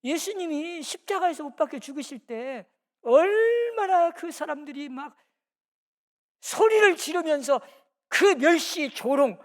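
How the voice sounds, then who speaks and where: High-voiced woman preaching with swings of loudness. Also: expressive, a little slow. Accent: Korean, Jeolla region. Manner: swings between loud emphasis and soft, low phrases; acts out quoted speech of scripture figures. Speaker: pastor. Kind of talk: sermon. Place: church sanctuary.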